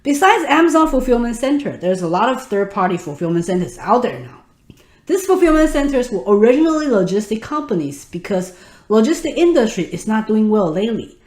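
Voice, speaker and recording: A woman's voice: on the high side, sing-song, brisk, darkish tone, reverberant. A woman in her thirties from Taiwan, a native Mandarin speaker with a Taiwanese Mandarin accent, hosting an online webinar and speaking straight to her audience. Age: 30s. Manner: instructive, addresses the audience directly. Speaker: webinar host.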